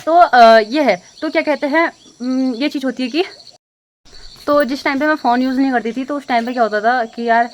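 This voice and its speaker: This young adult vlogger from India has a high-sitting voice and speaks at a normal pace. Addressing her phone camera, she sounds casual but upset, rambling with lots of fillers and restarts in emotional talk to camera.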